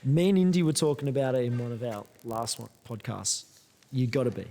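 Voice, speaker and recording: A man's voice: medium pitch, lively intonation, a little fast, warm tone. A man hosting a podcast in casual, slangy chat, swearing freely. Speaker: podcast host. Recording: echoey room with long reverb.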